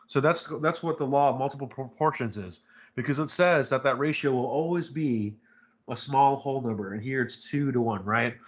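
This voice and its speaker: A man's voice: mid-range voice, normal speed, lo-fi sound. Rambling casual male chemistry teacher. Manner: casual, rambling, many fillers and "right?" checks. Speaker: chemistry instructor. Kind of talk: live online lecture.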